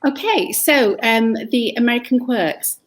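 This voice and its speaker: A woman's voice: on the high side, animated, unhurried, rough recording. A woman comedian on a panel show, arguing a mock debate with emphatic, profane ranting.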